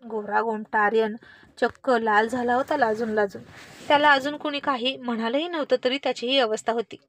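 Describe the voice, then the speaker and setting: A woman narrating a family story in a lively, expressive reading style. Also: on the high side, a little fast.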